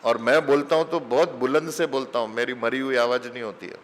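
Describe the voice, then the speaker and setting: A middle-aged man, a spiritual teacher leading satsang, delivers a conversational, anecdote-filled sermon at a slow pace, weaving English phrases into his Hindi. His voice is mid-range with a steady tone, and the recording carries a long hall reverb.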